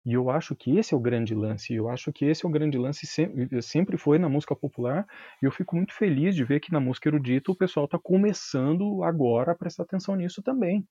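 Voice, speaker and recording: A man with a Brazilian Portuguese accent, a violin teacher explaining ideas in a casual interview, animated and full of slang and tag questions. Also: a little high, a little fast, few pauses, husky, dry recording, muffled recording.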